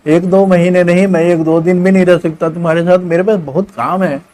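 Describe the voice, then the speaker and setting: Guy putting on a whiny selfish son, high and loud, brushing everyone off. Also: steady tone, brisk, close to an everyday voice. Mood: impatient.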